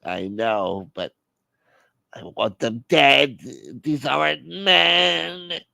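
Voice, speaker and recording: A sorrowful, vengeful old mob mother, put on by a man for a comedy bit, mumbling low and slow. She draws out every grievance in a dry, close sound. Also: vocal fry, sharp tone, no echo, heavily acted. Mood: mournful. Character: older gangster mother, mournful and vengeful.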